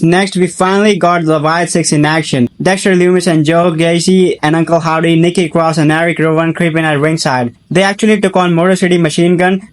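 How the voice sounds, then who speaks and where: A man in his early twenties with an American accent, giving an excitable wrestling recap full of slang, swearing and exclamations. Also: on the high side. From United States. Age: early 20s. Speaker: wrestling vlogger.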